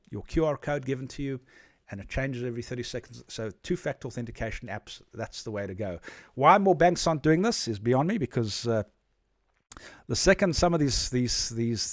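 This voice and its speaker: A man's voice: mid-range voice, no echo, clean studio sound. Direct, emphatic man giving IT advice. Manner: direct, emphatic, frequent "all right?" check-ins. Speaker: IT support technician. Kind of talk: casual advice talk to camera.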